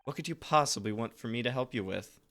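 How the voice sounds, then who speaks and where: A man's voice: mid-range voice, fast, a bit bright, lightly acted. A man reading the lines of a curt, sarcastic woman who plays a detective, in a game. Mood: irritated.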